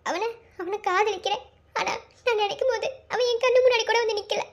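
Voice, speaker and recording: An actress with a playing a young woman collector, bossy with family but soft and halting when she confides her love, in a television drama. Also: very high voice, fairly even intonation, dull audio. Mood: confiding. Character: young woman collector, proud, secretly lovesick.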